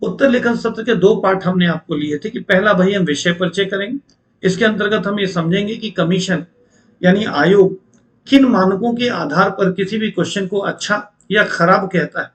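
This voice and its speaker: A man's voice: sits high, moderate pace, fairly bright tone. A man teaching an online exam-preparation lecture, explaining step by step and putting rhetorical questions to his students.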